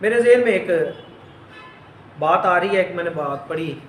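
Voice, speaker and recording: A man teaching a Bible lesson, slowly repeating phrases so his students can write them down. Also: high voice, expressive, slight background noise. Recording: echoey room.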